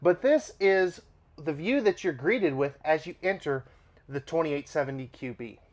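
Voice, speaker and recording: Animated, fairly high in pitch, and moderately paced, a man gives a product tour of a travel trailer at an RV dealership. He chats cheerfully with casual asides while allergies make his voice slightly nasal.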